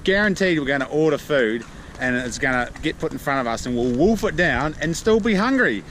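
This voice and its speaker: A man's voice: fairly high pitch, animated, brisk, a bit bright. A man with a broad New Zealand accent chatting casually to his vlog in a blokey, slangy way. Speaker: vlogger. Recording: noisy outdoor vlog audio, traffic and ambience.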